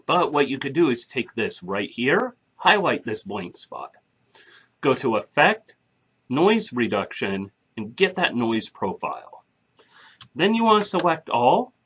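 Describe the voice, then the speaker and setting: Husky-voiced man giving a slow, lively tutorial. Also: medium pitch. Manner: chatty and blunt, explaining step by step. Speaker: podcasting tutorial host. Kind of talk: casual screen-recorded tutorial. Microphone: microphone through a soundboard.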